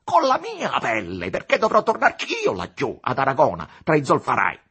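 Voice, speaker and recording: A man voicing an agitated young male engineer who protests angrily and convulsively, with a husky voice. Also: lowish voice, animated, moderate pace, sharp tone, pitched above the performer's own voice, heavily acted. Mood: indignant.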